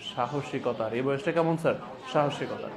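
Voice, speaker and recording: A man giving a classroom lecture as a teacher, repeating phrases deliberately for dictation and prompting students with emphatic questions. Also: medium pitch, gravelly. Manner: repeats phrases slowly and deliberately for note-taking.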